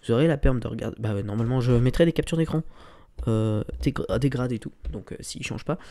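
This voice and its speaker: A man records a casual screen tutorial, narrating each click in a relaxed way with lots of filler words. He talks at a quick pace in a mid-range voice.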